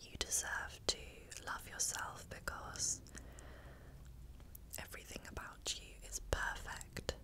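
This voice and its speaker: In a breathy, close-miked whisper, a woman offers ASMR affirmations as a gentle pep talk, pausing between her calm, encouraging words.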